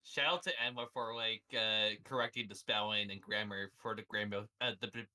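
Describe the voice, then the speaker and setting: A woman's voice: rumbling low, fairly even intonation, fairly quick, pushed and bright. A woman chatting casually as a co-streamer in an online voice call.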